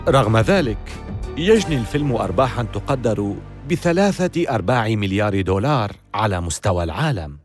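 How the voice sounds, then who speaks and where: A man's voice: on the low side, big pitch swings, a little fast, music in the background. A man reading scripted documentary narration with a dramatic, storytelling delivery.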